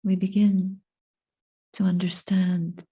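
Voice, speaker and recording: Speaking as a Buddhist teacher, a woman leads a guided meditation and reflection in a soft, breathy voice. Her pitch sits fairly low and her delivery is flat, with measured, contemplative phrasing broken by long pauses.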